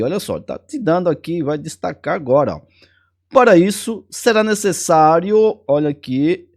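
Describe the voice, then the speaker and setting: A man with a Brazilian Portuguese accent teaching a casual exam-prep lesson, chatty and jokey, repeating key words. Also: fairly high pitch.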